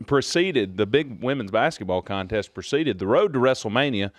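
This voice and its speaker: A man's voice: mid-range voice, expressive, moderate pace, no room sound. Dry-humored man on studio radio. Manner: dry, teasing banter. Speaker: head basketball coach. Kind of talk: joking radio chat.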